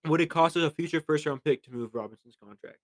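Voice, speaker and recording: A man's voice: a little high, fast talker, no echo. A young man co-hosting a casual sports podcast, reading listener questions aloud and sometimes stumbling over the words. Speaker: podcast co-host.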